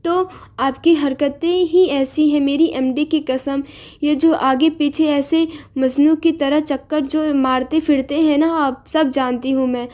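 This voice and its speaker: Brief: woman reader as a cheeky young woman, high mellow voice, sharp scolding tongue. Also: fairly even intonation, a little slow. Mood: shouting.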